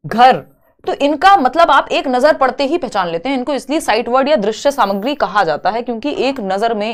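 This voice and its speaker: A woman teaching an online exam-prep lesson, explaining each option step by step with rhetorical questions and English terms mixed in. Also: on the high side. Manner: mixes English terms into Hindi.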